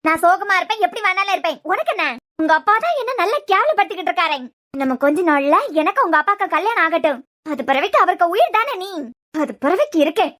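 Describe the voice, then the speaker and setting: A woman's voice: very high voice, expressive, fast, a bit bright. A woman voicing a jealous, scheming young woman in a cartoon series, muttering spitefully in a Kanyakumari Tamil accent. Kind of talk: cartoon web series voice acting.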